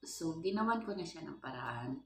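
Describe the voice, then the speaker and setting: A woman's voice: low-pitched, lively intonation, normal speed, vocal fry, fairly bright tone, reverberant, slight background noise. A middle-aged woman chatting casually in a home vlog, laughing often and mixing English into her Tagalog, filmed on a phone on a stand in her kitchen. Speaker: vlogger, household helper.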